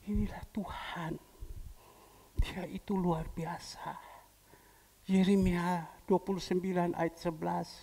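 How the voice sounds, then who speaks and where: Slow gravelly Indonesian pastor. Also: male voice, high-pitched, flat delivery, warm tone. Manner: emotional storytelling, acts out dialogue. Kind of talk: sermon. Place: church hall. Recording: reverberant church hall.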